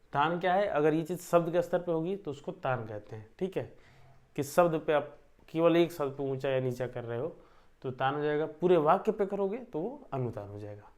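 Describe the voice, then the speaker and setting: A young man teaching an online class, explaining step by step with filler pauses and frequent check-ins. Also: mid-range voice, a little mellow. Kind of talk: online lecture.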